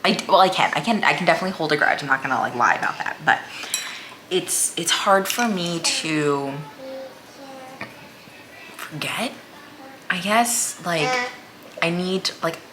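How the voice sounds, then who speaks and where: A woman's voice: on the low side, expressive, measured pace, pauses often, noisy background. A woman chats casually over a meal, rambling hesitantly and leaning on "like" as a filler. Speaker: vlogger. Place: small room at home, indoors.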